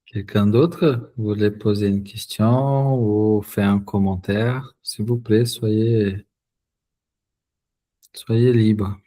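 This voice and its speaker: His voice sits on the low side, mellow and fairly even in intonation. A Portuguese-speaking Brazilian man hosting an online spiritist study group, he talks slowly, halting and restarting, repeating words as he gropes for the right ones.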